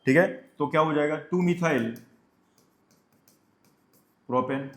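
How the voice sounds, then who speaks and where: A male chemistry teacher lecturing a class, who asks questions and answers them himself and dictates definitions slowly. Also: a little high, a bit bright, roomy sound.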